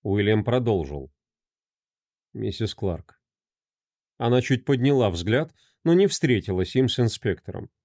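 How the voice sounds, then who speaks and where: Expressive male audiobook narrator, mellow voice. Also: mid-range voice, moderate pace, hardly any pauses, dry recording, studio quality.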